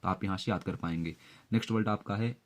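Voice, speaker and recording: A man's voice: fairly low pitch, fast. A young man teaching exam vocabulary step by step, with frequent filler sounds and memory tricks. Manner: explains word tricks step by step, many fillers. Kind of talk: exam-prep vocabulary lesson.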